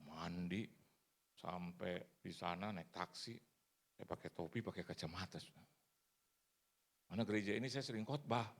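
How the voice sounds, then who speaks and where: A man in his fifties preaching a sermon in lively storytelling style at a church service. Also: low-pitched, moderate pace, long pauses. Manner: lively storytelling, acts out other people's voices.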